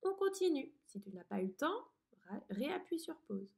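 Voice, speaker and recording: A woman teaching a dictation lesson to a young pupil, pronouncing each word slowly and clearly. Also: high voice, big pitch swings, a little mellow. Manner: slow, clearly articulated teacher talk to a child. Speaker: primary school teacher.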